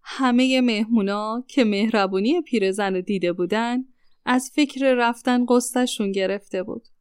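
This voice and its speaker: A woman narrating a children's story in a gentle, clear storytelling voice on a close studio mic. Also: on the high side, no room sound.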